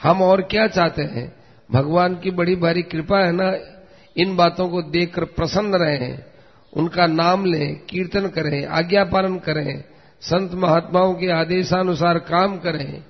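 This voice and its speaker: A man giving an earnest devotional sermon, telling a story in a steady way. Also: high-pitched, a little slow, gravelly. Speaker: religious preacher. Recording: dull lo-fi recording in a long-reverb hall.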